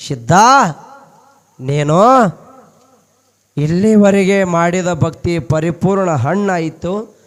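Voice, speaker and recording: A man voicing a calm, fatherly deity who blesses his devotee in a low, soothing way. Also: slow, long pauses. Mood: gentle blessing. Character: god Mallayya, calm, blessing elder deity.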